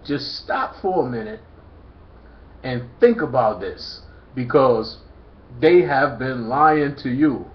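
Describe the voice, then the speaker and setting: A man lecturing emphatically in a preachy monologue, hammering the same rhetorical questions again and again. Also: medium pitch. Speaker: commentator. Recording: echoey, dull lo-fi recording.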